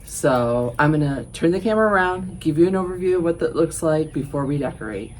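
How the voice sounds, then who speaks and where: A woman from southern Georgia, USA, chats through a home decorating vlog in a friendly walkthrough with small laughs, a little out of breath. Her low, expressive voice is darkish and a little fast. She's outdoors on a front porch with birds chirping and a little hiss or hum.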